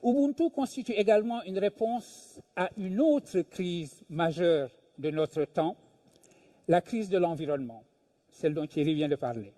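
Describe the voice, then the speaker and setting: An older man from Senegal, a philosophy professor, giving a measured, deliberate public talk with emphatic pauses. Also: sits high, lively intonation, dark tone. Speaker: invited speaker, philosophy professor. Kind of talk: lecture at a public event.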